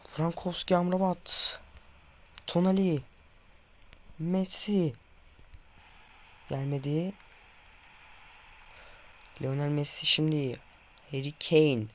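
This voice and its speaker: Slow and pausing frequently, a young man with a voice on the high side narrates his football video game live for viewers. He's nervous, reading off player names and admitting his hands are shaking, until a goal makes him erupt in excited shouts.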